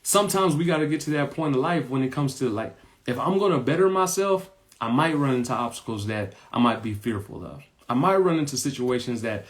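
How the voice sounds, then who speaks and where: Earnest man telling a motivational story. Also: mid-range voice. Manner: earnest, repeats points and tags lines with "right?". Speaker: podcast host.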